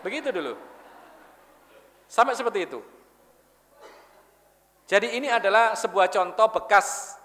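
A man's voice: sits high, a little slow, pauses often, sharp tone. A man giving a religious lecture in a mosque, telling stories and putting questions to the audience. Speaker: Islamic preacher. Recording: long reverb of a mosque hall.

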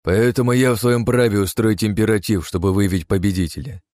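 A man voicing a furious, greedy aristocrat who shouts and snarls. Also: on the low side, normal speed, no room sound, pitched above the performer's own voice, close to an everyday voice. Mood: gloating. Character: furious greedy middle-aged male aristocrat.

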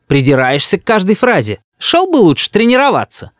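A man putting on a shrill scolding grandmother. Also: big pitch swings, fairly quick, fairly bright tone, dry recording, studio quality. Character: fussy doting old grandmother.

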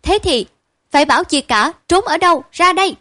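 A woman voicing a spoiled, stubborn little boy who shouts demands, in a storybook reading. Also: expressive, fairly quick, dry recording, heavily acted. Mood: demanding. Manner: shrill, demanding.

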